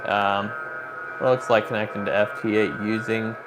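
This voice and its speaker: A man with a fairly low pitch and a level tone speaks at a normal speed. He is an amateur radio operator hosting a hobby livestream, informally talking viewers through a demo as he thinks aloud. Noticeable background noise runs through the recording.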